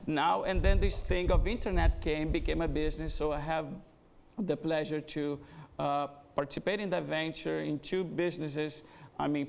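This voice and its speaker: In a relaxed on-stage interview at an event venue, a middle-aged Brazilian guest speaker and business executive talks with a gravelly, somewhat high voice and a strong Brazilian Portuguese accent. He pauses often, groping for words and filling silences with "uh."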